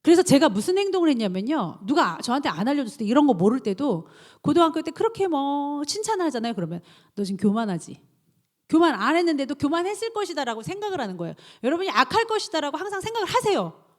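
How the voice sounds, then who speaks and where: A woman pastor preaching a sermon, animated and acting out inner self-talk in quoted voices. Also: sits high, quick pace.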